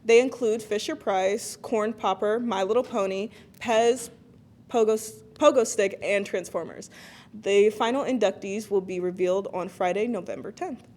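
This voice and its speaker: Female news anchor, mid-pitched, steady and clear. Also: normal speed. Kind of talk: read news.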